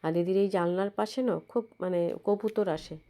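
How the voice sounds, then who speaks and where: Hoarse woman with a cold, chatty voice-over. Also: medium pitch, normal speed, dark tone. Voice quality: husky, cracked voice. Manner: chatty, rambling, restarts words. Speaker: vlogger narrating her visit. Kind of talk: casual voice-over narration. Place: indoors, voice-over recorded at home. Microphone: phone.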